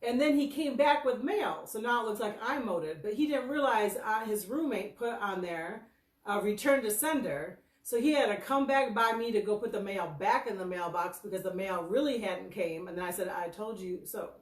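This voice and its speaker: A woman in her fifties from Michigan, with an American accent and a middling pitch, hosts her birthday livestream. At normal speed and expressively, she tells loose, rambling, self-deprecating personal stories and answers questions. The sound is roomy and echoey, picked up at a distance from the mic.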